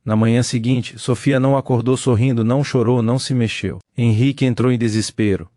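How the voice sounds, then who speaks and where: A man giving a scripted dramatic narration in a measured, solemn storytelling manner. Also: mid-range voice, fairly even intonation, mellow, no echo, clean studio sound.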